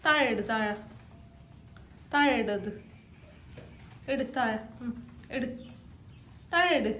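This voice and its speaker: A woman's voice: on the high side, animated, slow, bright, forceful tone, a little hiss or hum. A mother with a slight cold, speaking in casual baby talk and repeating coaxing, sing-song prompts to her toddler at home.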